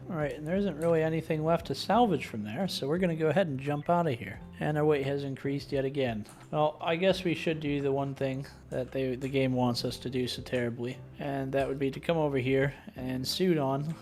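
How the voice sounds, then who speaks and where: A man's voice: medium pitch, darkish tone. A young adult man casually commentating his own game playthrough, chatty and self-deprecating. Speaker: gaming video host. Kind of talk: casual let's play commentary.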